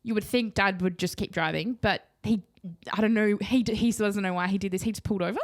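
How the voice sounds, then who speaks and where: A young adult woman with an Australian accent, co-hosting a casual podcast and telling a story in an animated way, laughing often and swearing casually. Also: medium pitch, fairly quick, no echo, studio quality. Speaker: podcast co-host.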